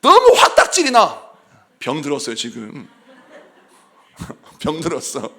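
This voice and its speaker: Brief: middle-aged male pastor, high gravelly voice, fiery revival sermon with quiet asides. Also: slow. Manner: animated preaching, jumps between shouts and soft asides; jokes and laughs with the congregation. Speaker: senior pastor. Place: church sanctuary.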